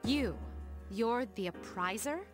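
A woman voicing a composed, formal young woman leader in a video game, speaking quietly and in control. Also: on the high side, lively intonation, slow. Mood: serious. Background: game music.

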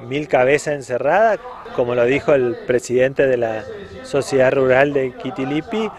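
A man's voice: mid-range voice, moderate pace, crowd noise. A man in his forties with an Argentine accent, speaking as an official in a semi-formal news interview outdoors into a handheld microphone. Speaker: provincial livestock official being interviewed. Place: outdoors in a grassy parking area at a cattle auction ground. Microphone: handheld reporter's microphone at chest height.

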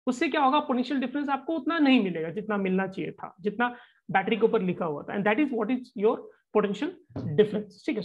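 A physics teacher giving a live online class, explaining in a relaxed conversational way and often checking in with the students. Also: mid-range voice, lo-fi sound.

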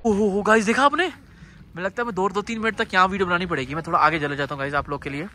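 A young man filming a casual family travel vlog on a handheld phone, excitedly talking to viewers outdoors and from a car in heavy rain. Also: high voice, fast talker, slight background noise. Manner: excitable, keeps addressing viewers as guys. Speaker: vlogger.

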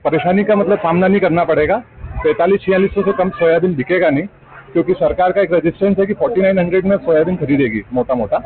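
A man calmly explaining market prices to a reporter. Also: high-pitched, fast talker. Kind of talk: street interview. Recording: phone-like audio with crowd.

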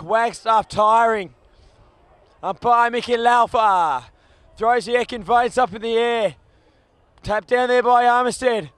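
A man calling a football match live, rattling off players in clipped bursts and shouting at big moments. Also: very high voice, no echo. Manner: clipped bursts of names and actions. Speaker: football commentator. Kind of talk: live play-by-play commentary. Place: commentary box at an outdoor ground.

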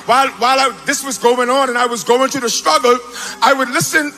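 A man raised in the Bahamas tells his testimony on a large auditorium stage, speaking into a handheld mic that another man holds for him. His voice is high and bright, and he gets animated and shouts when excited. Faint music plays behind him. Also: fairly quick. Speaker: testimony speaker at a church event. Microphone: handheld mic held by another man.

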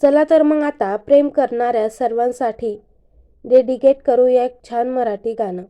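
A woman's voice: fairly high pitch, fairly even intonation, moderate pace, dark tone, close to an everyday voice. Woman narrator doing a chatty radio host. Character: male radio host speaking on air.

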